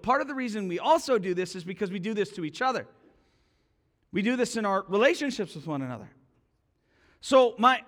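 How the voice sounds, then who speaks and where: A man preaching a sermon as pastor, telling personal stories with animated dialogue and dropping to a quiet hush for solemn points. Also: sits high. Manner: animated storytelling, acting out both sides of a quarrel.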